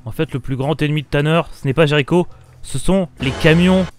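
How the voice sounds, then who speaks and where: A man's voice: fairly high pitch, fairly quick, soft background music. Goofy young man commenting on a game. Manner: goofy, self-mocking, jokes and silly voices. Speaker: gaming video host. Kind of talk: comedic let's play commentary.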